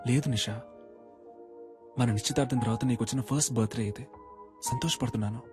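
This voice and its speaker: An actor playing a pleading young doctor. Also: male voice, mid-range voice, fast talker, natural voice. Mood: soft. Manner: pleading, placating. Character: Saleem, gentle young doctor, anxious to calm things. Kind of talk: film dialogue. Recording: film soundtrack with loud music and crowd.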